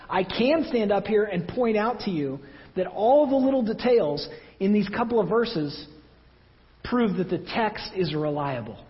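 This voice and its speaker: Guy preaching in a church, high voice, chatty with little jokes at himself, dull echoey hall sound. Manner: conversational, self-deprecating asides. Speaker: pastor. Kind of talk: sermon.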